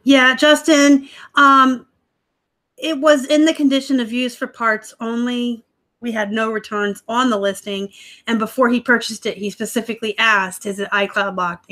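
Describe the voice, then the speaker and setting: With a mid-range voice that's a bit bright, a woman chats with viewers during a casual live stream from home. She's an online reseller and livestream host who reads comments, laughs a lot, and gets somewhat snarky, streaming from a laptop.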